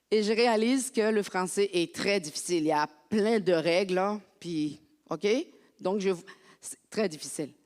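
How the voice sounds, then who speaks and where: A woman from France preaching a lively, conversational sermon as a pastor in a church. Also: mid-range voice, unhurried, long pauses. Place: church sanctuary. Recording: long hall reverb.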